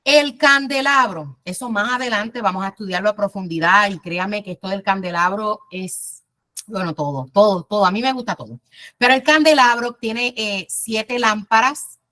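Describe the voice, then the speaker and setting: A woman teaching a Bible class in a conversational way, telling personal stories, speaking directly to her listeners and pausing often with "eh". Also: mid-range voice. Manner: warm storytelling, addresses listeners directly, frequent "eh" pauses.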